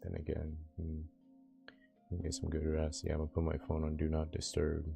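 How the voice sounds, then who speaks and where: Very deep, gravelly young male streamer. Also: monotone, moderate pace, mellow, faint music behind. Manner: laid-back, slangy, talks to chat and himself. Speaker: game streamer. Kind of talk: casual live-stream chat.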